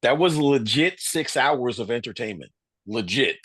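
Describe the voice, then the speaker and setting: A man's voice: medium pitch, animated, measured pace, a bit bright, no room sound. A man co-hosting a podcast in casual chat, often repeating words as he restarts his sentences. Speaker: podcast co-host.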